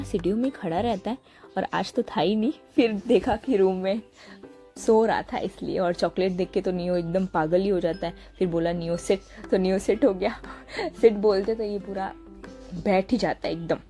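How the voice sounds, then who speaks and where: A young woman from India narrating a relaxed voice-over of her day at home, chatty and often pausing to search for a word. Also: medium pitch. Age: young adult. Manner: chatty, searching for words, frequent laughs. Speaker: vlogger. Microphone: small handheld mic.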